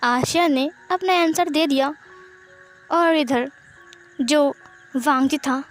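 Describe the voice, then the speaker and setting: A woman's voice: high voice, slow pace, faint music behind. A woman casually narrating a fan fiction story, voicing every character herself with fillers and restarts.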